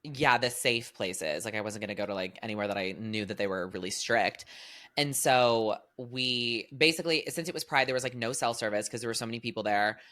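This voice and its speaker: A young man in his twenties co-hosting a podcast, chatting casually in an animated, expressive way and laughing often. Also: lowish voice, brisk. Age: 20s. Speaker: podcast co-host. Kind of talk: casual chat.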